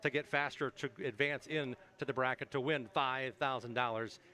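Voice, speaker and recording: A man's voice: medium pitch, fairly even intonation, moderate pace, pushed and bright. A man giving punchy, enthusiastic, conversational race commentary as a broadcaster at a racetrack.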